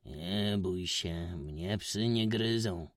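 A reserved, world-weary gentleman stranger, voiced by a man reading aloud, speaks low, slow and hushed. His words come carefully, a little lower than the storyteller's own voice, in a dry close recording. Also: no echo, full character voice. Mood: quiet curious. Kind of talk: audiobook character voice.

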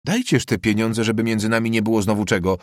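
A man's voice: fairly low pitch, fairly even intonation, fast talker, no echo, studio quality, natural voice. A man playing a poor, earnest teenage student who answers politely and deferentially, in an audiobook reading.

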